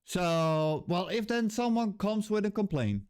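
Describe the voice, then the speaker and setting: A former game level designer turned vlogger, a Dutch man speaking English as a second language, rants angrily and bluntly to camera without a script, swearing freely and groping for words. His voice is high, expressive, and darkish, unhurried, with a clean, dry, studio-quality recording.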